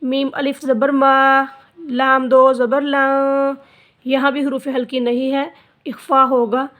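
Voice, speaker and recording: A woman teaching Quran recitation, spelling out letters and vowel marks, then drawing out each word slowly for the learner. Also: high-pitched, little pitch movement, fairly bright tone. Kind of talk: slow spelled-out recitation lesson.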